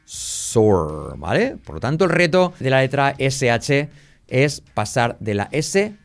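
Man, pronunciation teacher, slow drills, soft music behind. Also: medium pitch, big pitch swings. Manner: models English sounds slowly, then repeats them in drills; speaks to the viewer directly and often checks in with "¿vale?". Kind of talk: pronunciation lesson to the viewer.

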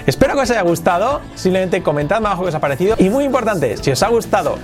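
Lively teacher repeating phrases. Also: male voice, high-pitched, over music. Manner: repeats English phrases slowly, explains quickly. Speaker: English teacher. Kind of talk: grammar lesson.

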